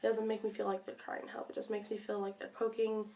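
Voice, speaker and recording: A teenage girl talking to camera in a personal vlog, hesitant with many pauses and restarts, sick and speaking around a cough drop. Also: mid-range voice, monotone, mellow. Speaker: vlogger.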